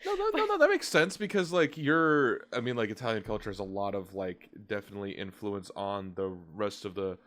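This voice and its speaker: In his twenties, this podcast host has a lowish, sing-song voice that's a bit bright, and he talks a little fast with hardly any pauses. He rambles and hesitates while asking his questions, restarting himself many times on a casual show.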